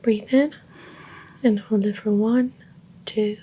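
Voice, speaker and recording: A woman whispering softly as a clinician in a roleplay, calmly giving gentle step-by-step instructions during a check-up. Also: mid-range voice, slow, husky, poor audio. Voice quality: soft whisper. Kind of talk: ASMR medical exam roleplay.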